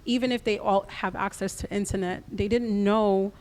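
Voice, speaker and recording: Woman on a radio interview, practical, steady, explains things carefully, mid pitch. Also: moderate pace. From United States. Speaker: guest, creative business co-founder.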